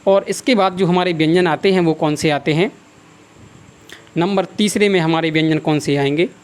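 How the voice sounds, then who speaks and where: A man teaching a class, who keeps asking questions and answering them himself, repeats key terms and dictates notes slowly. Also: a little high. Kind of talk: classroom lecture.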